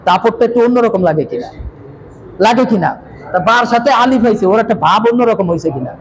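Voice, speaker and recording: A man teaching Quran reading, repeating letters and asking the class to say them back. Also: high voice. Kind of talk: classroom lesson with call-and-response drills. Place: classroom with students. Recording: noisy room with a crowd of learners.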